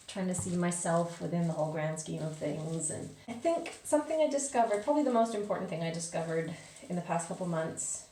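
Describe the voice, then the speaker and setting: A woman talks casually to her viewers at a slow, easy pace, with conversational asides. Her voice sits at a medium pitch and bounces off the hard walls of a bathroom. The microphone is a little way off, so the sound is roomy and echoey. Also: dark tone, slight background noise. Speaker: vlogger. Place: small indoor bathroom. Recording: echoey bathroom, distant mic.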